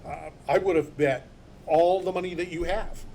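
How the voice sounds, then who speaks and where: A man's voice: high-pitched, fairly even intonation, normal speed, warm tone, slight background noise. A man hosting a sports talk show, talking in an opinionated, emphatic and rambling way. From born in Philadelphia. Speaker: sports radio host.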